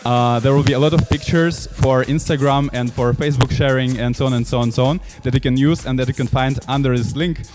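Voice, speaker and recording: A man hosts an online event presentation from home. He sounds energetic and upbeat, with a voice of middling pitch. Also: fast, few pauses, music in the background. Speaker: event host. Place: at home on a couch.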